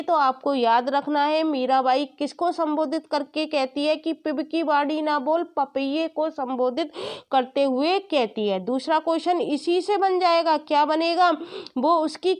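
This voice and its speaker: High-voiced woman teaching exam poetry. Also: darkish tone. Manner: asks and answers her own questions; recites verses slowly. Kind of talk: exam-prep poetry lecture.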